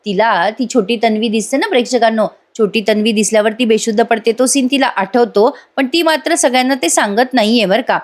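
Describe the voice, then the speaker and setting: A woman's voice: fairly high pitch, brisk, hardly any pauses. A woman giving a chatty voice-over review of a TV serial episode, talking directly to her viewers.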